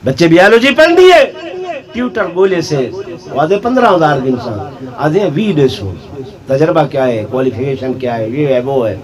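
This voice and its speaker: A man's voice: fairly high pitch, very animated. A male preacher giving a sermon to a village gathering. He asks rhetorical questions and keeps calling out to his listeners. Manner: rhetorical questions and repeated addresses to the audience.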